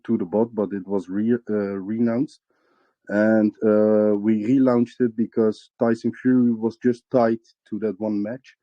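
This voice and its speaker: Low flat-voiced man, muffled call audio. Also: no room sound. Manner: hesitant, many fillers and restarts. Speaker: crypto project representative. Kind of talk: AMA interview answers.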